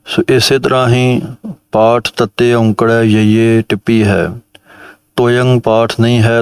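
A man teaching correct recitation of a sacred text, chanting each line slowly and then explaining how to pronounce it. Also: medium pitch, a little mellow, clear, resonant tone, dry recording. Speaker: Gurbani pronunciation teacher. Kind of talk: recitation lesson.

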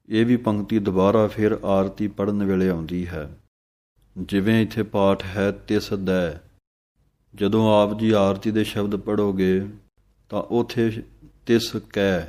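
Slow, low-voiced man teaching recitation. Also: darkish tone. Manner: recites scripture lines slowly and deliberately, then explains each pause. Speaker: Gurbani pronunciation teacher. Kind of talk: slow, careful recitation lesson.

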